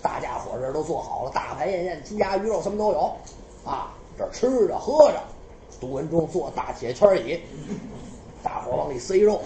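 Animated Beijing woman storyteller. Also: sits low, a little fast, reverberant, a little hiss or hum. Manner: animated, lively, colloquial. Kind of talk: traditional storytelling performance.

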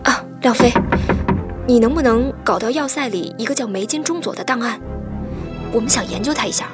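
A woman playing a brisk female contact. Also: a little high, expressive, natural voice. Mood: urgent. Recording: loud background music.

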